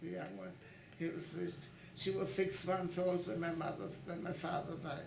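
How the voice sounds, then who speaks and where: A woman in her nineties, born in Italy and raised in Italy and Switzerland, recalling her past in an oral history interview at her home, speaking haltingly and restarting often as she searches for words. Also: lowish voice, level tone, creaky, background noise. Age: 90s. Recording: roomy echo in a home.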